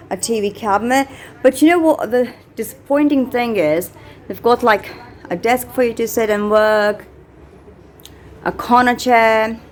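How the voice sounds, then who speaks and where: A woman giving a casual, unscripted hotel tour for a vlog, chatting in a halting way as she shows things around her. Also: mid-range voice. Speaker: vlogger touring a hotel. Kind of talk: casual handheld vlog narration. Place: small hotel room, later the hotel lobby, corridors and elevator. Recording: noisy handheld recording with background ambience.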